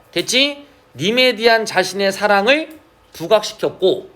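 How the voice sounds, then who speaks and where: In this classroom lecture, a male Korean literature teacher with an animated, high-pitched voice stretches out important terms. He frequently stops to check that students are following.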